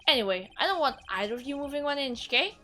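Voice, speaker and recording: A woman voicing a gruff, blustering male police detective with a put-on Southern drawl, loud and barking. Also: high voice, lively intonation, fast, soft background music. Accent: put-on American Southern. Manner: loud, barking, tacks on "see?".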